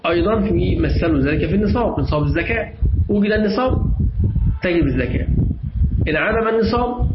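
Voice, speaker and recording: A man's voice: high voice, animated, fast. Egyptian man teaching in an echoey room. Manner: explains step by step, repeats key phrases, quizzes the class. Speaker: teacher of Islamic jurisprudence. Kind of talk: classroom lesson with questions to students. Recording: echoey, dull lo-fi room recording with clear noise.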